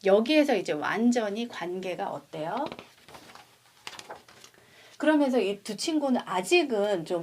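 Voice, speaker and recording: Expressive woman reading a picture book. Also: medium pitch. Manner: expressive, addresses mothers directly. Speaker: prenatal storyteller for mothers. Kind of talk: picture book read-aloud with commentary.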